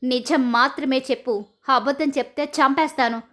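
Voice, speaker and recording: Woman doing a high-voiced, angry middle-aged mother-in-law, cutting and threatening. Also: steady tone, moderate pace. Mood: demanding. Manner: sharp, indignant, threatening.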